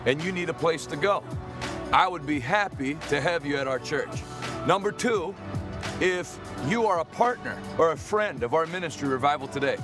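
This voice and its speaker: A man, a pastor, making an earnest ministry appeal for support. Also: a little high. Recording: promo clip with music behind.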